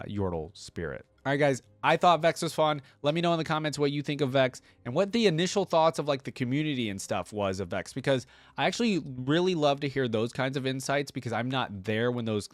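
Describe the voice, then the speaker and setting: Rambling through casual reaction commentary, this video host frequently checks in with whoever's listening. He has a mid-range voice, and the recording is dry.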